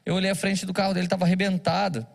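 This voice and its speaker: A man's voice: high-pitched, little pitch movement, very fast, gravelly. A man, a pastor, preaching a sermon, telling stories and acting out the dialogue. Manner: storytelling with acted-out dialogue.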